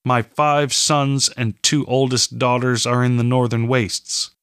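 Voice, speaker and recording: A man voicing a weary man posing as a rural father, speaking low and earnestly in an audiobook reading. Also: steady tone, unhurried, fairly bright tone, clean tone, no room sound, studio quality.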